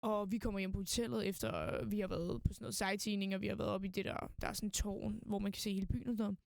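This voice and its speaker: A woman's voice: mid-range voice, fairly even intonation, vocal fry, darkish tone, dry recording, clean studio sound. Young woman telling a rambling story. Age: young adult. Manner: rambling, full of fillers and quoted inner speech. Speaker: podcast guest, student. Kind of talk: casual storytelling interview.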